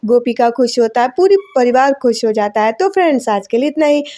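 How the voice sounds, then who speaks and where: Woman, voice-over host, casual episode recap, fairly high voice, mellow warm tone, reads out characters' lines plainly. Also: expressive, brisk. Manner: retells scenes, voicing characters' lines as plain quotes. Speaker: channel host recapping a TV serial. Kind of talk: casual spoken recap narration. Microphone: voice-over recorded separately from the clips.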